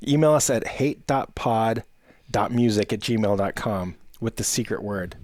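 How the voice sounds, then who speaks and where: Easygoing Canadian man, fairly low voice. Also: measured pace, darkish tone, dry recording, studio quality. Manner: easygoing, agreeable, lots of "yeah". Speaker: podcast co-host. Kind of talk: casual chat.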